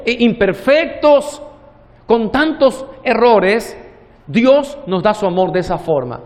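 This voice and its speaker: High-voiced pastor preaching in a hall. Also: male voice. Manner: preaching with long slow pauses, acting out the parable's dialogue. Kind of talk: sermon.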